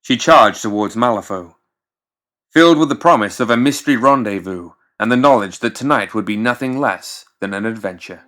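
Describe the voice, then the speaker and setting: A fairly low, slightly bright male voice carries this audiobook narration. He delivers the scripted fiction in a measured, dramatic storytelling manner.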